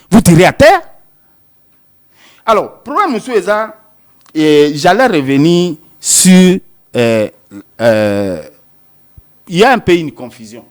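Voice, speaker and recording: A man, a lawyer from Congo with a Congolese French accent, arguing politics on a talk show and switching between French and Lingala with many restarts. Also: sits high. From Democratic Republic of the Congo.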